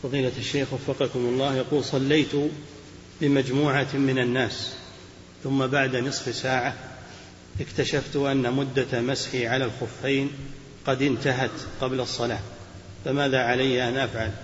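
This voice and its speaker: A man reading audience questions aloud to a sheikh in a steady, formulaic way, opening each with a polite address. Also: mid-range voice, brisk. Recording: roomy, dull old hall recording with faint hiss.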